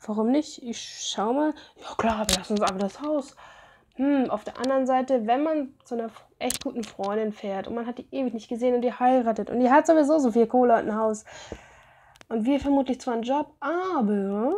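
Chatty woman with a mellow voice. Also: fairly high pitch, a little fast, slight background noise. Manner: chatty asides, reads game text aloud. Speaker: let's play host. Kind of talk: casual game commentary.

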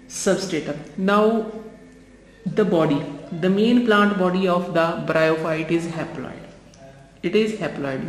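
A woman with a North Indian accent teaching a school biology lesson, repeating phrases as if for dictation and mixing in some Hindi. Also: on the low side. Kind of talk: school lesson explained while writing notes. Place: indoors in a hard-surfaced room. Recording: echoey hard room with background noise.

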